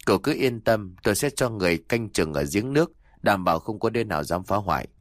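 A man voicing an eager young master of the house who talks in a quick, reassuring way. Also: fairly low pitch, expressive, no echo, clean studio sound, close to an everyday voice.

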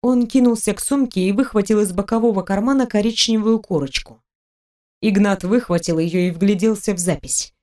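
A woman reading an audiobook aloud. Her delivery is even and expressive, in a mid-range voice. She paces the story steadily. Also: mid-range voice, normal speed. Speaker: audiobook narrator. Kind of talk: scripted narration.

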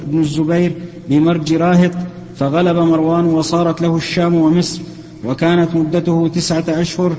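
During a lesson, a student reads a classical text aloud for the sheikh in a somewhat high, mellow voice. His recitation is steady, flat and even, with small self-corrections along the way. The dull, lo-fi recording carries a long reverb from a big hall.

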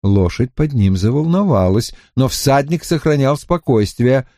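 A man narrating an audiobook in an expressive, dramatic storytelling style. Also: mid-range voice, unhurried, dry recording, clean studio sound.

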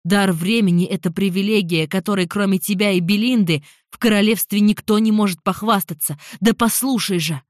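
A woman's voice: mid-range voice, slow pace, dry recording, clean studio sound, close to an everyday voice. Woman doing a pushy invisible young man. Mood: urging. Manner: insistent, pressing, loud. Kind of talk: audiobook character voice.

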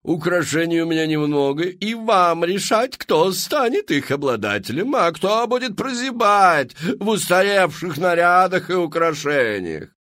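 A man's voice: high voice, sing-song, measured pace, hardly any pauses, dry recording, studio quality, voice pushed up, exaggerated voice. A man voicing a pompous, showy female fashion queen who sells to a crowd in a theatrical, grand manner. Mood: grandly selling. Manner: theatrical, grand, rising to loud exclaims.

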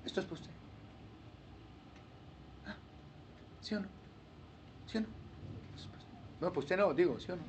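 Animated high-voiced preaching man. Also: unhurried, long pauses, slight background noise. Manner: animated, acts out churchgoers in funny voices. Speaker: pastor. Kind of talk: sermon.

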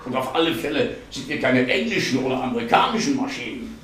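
A man's voice: mid-range voice, expressive, takes it slowly, pitched above the performer's own voice. A man reading aloud voices a bristling, sarcastic office scholar who spits out bureaucratic jargon with scorn. The voice sounds distant from the microphone and rings through a strongly reverberant hall. A faint hum of ambience sits underneath. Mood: indignant. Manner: sarcastic, exasperated outbursts. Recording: echoey hall, voice far from mic.

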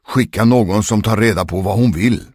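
A man voicing a worried gravedigger who pleads slowly with his master, in a spoken ghost story. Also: fairly low pitch, darkish tone, no echo, clean studio sound, natural voice. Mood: pleading. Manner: slow, pleading.

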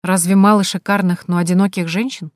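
A woman reading the part of a warm, easily flustered woman who is shy and full of wonder. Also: on the low side, fairly even intonation, brisk, no room sound, studio quality, lightly acted.

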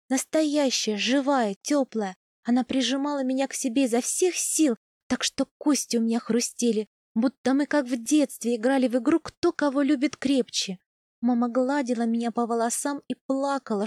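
A woman narrating a novel in the first person, measured and softening on quiet lines. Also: fairly high pitch, no echo, studio quality. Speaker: audiobook narrator.

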